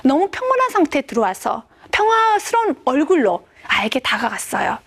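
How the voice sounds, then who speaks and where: A woman voicing a quiet wife who answers softly and reassuringly. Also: very animated, a little fast. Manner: soft, lowered voice.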